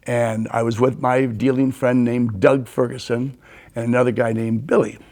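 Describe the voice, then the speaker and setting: Gravelly older man telling stories. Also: medium pitch, normal speed. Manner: animated storyteller, acts out quotes. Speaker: guest. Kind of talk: storytelling in a conversation.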